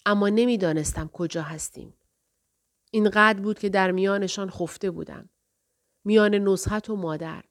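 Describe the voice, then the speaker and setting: A woman reading a first-person novel aloud in a quiet, reflective way. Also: medium pitch. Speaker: narrator. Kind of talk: audiobook narration.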